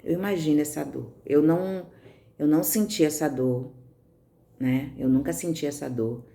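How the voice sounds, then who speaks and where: A woman's voice: low voice, normal speed, vocal fry, dark tone. A woman with a Brazilian Portuguese accent giving a conversational devotional sermon. She keeps checking in with her listeners and answers their comments as she goes. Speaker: preacher.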